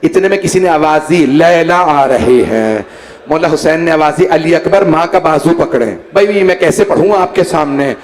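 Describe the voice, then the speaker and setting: A man, a religious scholar preaching a mourning sermon in an impassioned style. He acts out the pleas of the people in his story and climbs into shouted lament. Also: fairly high pitch, moderate pace, hardly any pauses. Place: mourning hall with a gathered audience.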